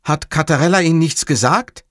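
A man's voice: a little high, fairly quick, a bit bright, no echo, clean studio sound, voice pushed up, natural voice. A man doing a polite, dutiful police sergeant. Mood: earnest. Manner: formal, polite. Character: dutiful, matter-of-fact male police sergeant.

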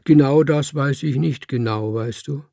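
Man doing a guileless young tomcat, literal-minded and eager, gravelly, husky, slow. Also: mid-range voice, warm tone, dry recording, studio quality, pitched above the performer's own voice. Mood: earnest. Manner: simple, eager questioning.

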